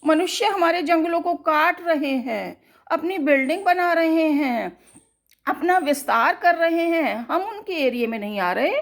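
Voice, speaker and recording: A woman's voice: very high voice, animated, unhurried, pitched above the performer's own voice, heavily acted. A woman voicing a jungle animal that pleads earnestly, in a children's story. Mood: pleading.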